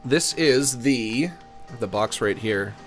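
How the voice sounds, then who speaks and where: A man with a mid-range, animated voice talks slowly on his video game livestream, wandering from topic to topic and chuckling at his own gags. Music runs in the background. Strong hissing sibilance comes through his expensive large-diaphragm studio condenser microphone.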